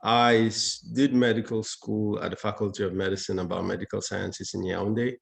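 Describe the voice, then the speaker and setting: A man from Cameroon, a cardiologist guest, speaking in a measured way and repeating words as he thinks. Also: lowish voice, little pitch movement, gravelly. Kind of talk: conversational interview.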